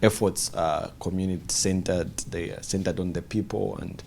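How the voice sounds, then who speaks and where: A man sharing reflections as a visiting fellow on a studio panel, halting with many fillers. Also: low-pitched, steady tone, gravelly, darkish tone, slight background noise.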